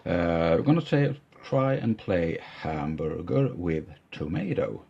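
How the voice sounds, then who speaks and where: A middle-aged man teaching piano, explaining calmly with hesitant "uh" pauses and loudly chanting rhythm words as he plays. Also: low-pitched, creaky, husky. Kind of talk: explanatory music lesson. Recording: dull lo-fi sound with loud piano. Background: piano playing.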